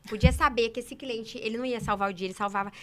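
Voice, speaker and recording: A woman from Brazil telling sales stories in a casual interview, emphatic and animated. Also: fairly high pitch, slight background noise. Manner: animated, emphatic, quick talker. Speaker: saleswoman guest.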